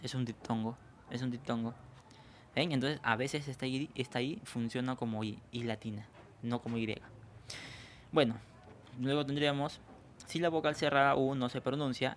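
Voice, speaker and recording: A man's voice: mid-range voice, slight background noise. A man teaching a grammar lesson, explaining step by step and often checking that students follow along. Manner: explanatory, checks understanding with frequent questions. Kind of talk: online language lesson.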